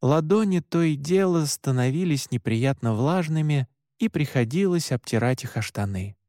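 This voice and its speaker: A male narrator reads a first-person story in an even, measured way. His voice sits slightly high for a man and is recorded dry and close, with no room echo. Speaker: audiobook narrator.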